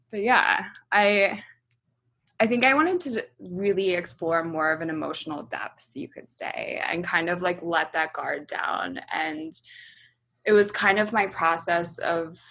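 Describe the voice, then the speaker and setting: A Hong Kong-raised musician in her thirties answers interview questions casually, thinking out loud with plenty of ums and likes. Her voice sits lowish and has a creaky quality.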